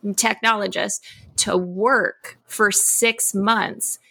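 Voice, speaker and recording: A woman's voice: medium pitch, fairly even intonation, vocal fry, bright, forceful tone, husky. A woman who teaches students, co-hosting a podcast in casual chat and throwing in jokes. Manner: quick, joking interjections. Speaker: educator, podcast co-host.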